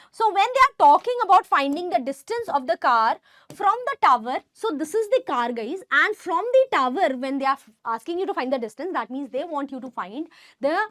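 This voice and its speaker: North indian lady teacher, high voice, really dry close sound, keeps checking the class gets it. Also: a bit bright, no echo. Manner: emphatic, addressing pupils with frequent check questions; mixes Hindi phrases into English. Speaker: maths teacher. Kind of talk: online lesson, explaining step by step.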